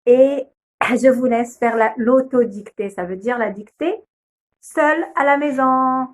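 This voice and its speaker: A young woman with a high-pitched voice teaches kindergarten phonics on video. She goes slowly and patiently, sounding out each letter and syllable.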